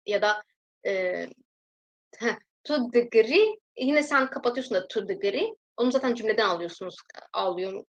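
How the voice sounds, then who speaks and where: A young adult woman giving a recorded language lesson, patiently explaining grammar and repeating example sentences slowly. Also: medium pitch, muffled recording. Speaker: language teacher.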